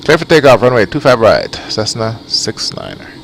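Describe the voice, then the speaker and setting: A man voicing a pilot on a cockpit headset, calling the tower in clipped, by-the-book radio phrasing. His voice sits a little low. A faint hum runs behind him. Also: wildly swooping pitch, moderate pace, gravelly. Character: airline-style pilot making radio calls. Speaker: flight sim player. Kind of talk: roleplaying cockpit radio calls.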